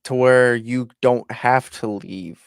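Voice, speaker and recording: A man's voice: mid-range voice, steady tone, slow, vocal fry, clean tone, no room sound, studio quality. A young man co-hosting a podcast in laid-back casual chat, laughing often and swearing casually. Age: young adult. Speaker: podcast co-host.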